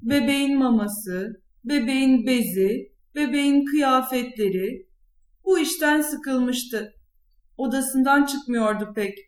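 A woman with a high voice reads a children's story aloud. Her reading is clear and expressive. The recording is roomy and echoey. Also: takes it slowly. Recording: echoey room.

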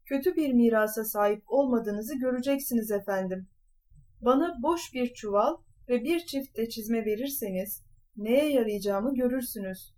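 A woman's voice: on the high side, normal speed, darkish tone, natural voice. A woman voicing a clever, scheming talking cat in boots in a storybook reading, bold and courtly in manner. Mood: confident.

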